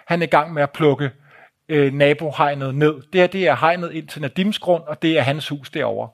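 A man telling a travel story to an audience in a live talk, vivid and blunt, with swearing and pointing out photos. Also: on the high side.

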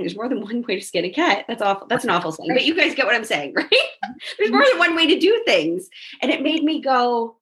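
A woman coach talking casually in an interview, animated, acting out quotes with big jumps in her voice and leaning on "like" and "right?". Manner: animated, acts out quotes in a jumping high voice, frequent "like" and "right?". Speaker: life coach and network marketer.

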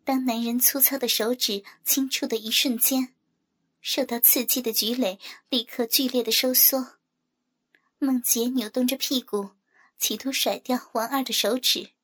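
A woman narrating a scripted adult audio story in a soft, even delivery. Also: fairly high pitch, unhurried.

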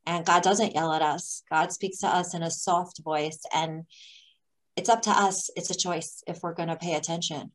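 A woman interviewing, asking questions and reflecting in a measured, thoughtful way. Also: fairly low pitch, fairly even intonation, poor audio.

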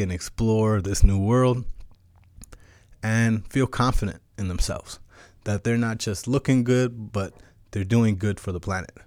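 A man with a fairly low voice presents an explanatory solo show in a crypto bro manner, pitching with slangy hype. The sound is very dry and close, with no room around it. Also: a little mellow, no room sound. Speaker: host of a weekly crypto show. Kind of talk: explanatory monologue on crypto business.

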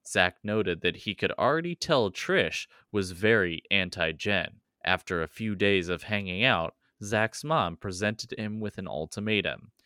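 Low-voiced laughing podcast host. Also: male voice, no room sound, studio quality. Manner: laughs easily, animated riffs. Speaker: podcast host and story narrator. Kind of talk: casual chat and read story narration.

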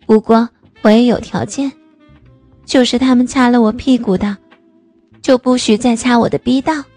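A woman narrator voicing a candid, worldly young woman, speaking a bit faster in a frank, confiding tone. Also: on the high side, steady tone, darkish tone, soft background music, natural voice.

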